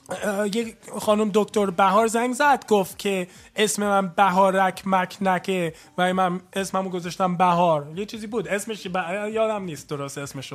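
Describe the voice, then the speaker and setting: Chatty high-voiced male radio host. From Iran. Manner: chatty, mixes English phrases into his talk. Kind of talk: call-in radio talk.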